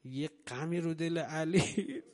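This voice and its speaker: Impassioned preacher man in a reverberant hall. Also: a little high. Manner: impassioned, rising to loud emotional peaks, slowing on key phrases. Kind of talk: religious sermon storytelling.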